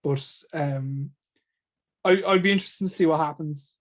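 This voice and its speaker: A man's voice: fairly high pitch, measured pace. A man, co-hosting a podcast, talking bluntly and repeating himself for emphasis. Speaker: podcast co-host. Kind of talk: casual chat.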